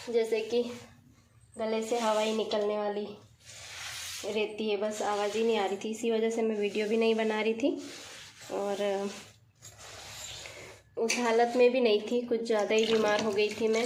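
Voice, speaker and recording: Chatty woman vlogging in an echoey kitchen. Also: on the high side. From India. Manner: chatty, talking while working. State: recovering from a cold, throat still sore. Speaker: village vlogger. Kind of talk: casual vlog chat while cleaning the kitchen. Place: home kitchen, tiled and echoey. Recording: echoey kitchen, faint noise.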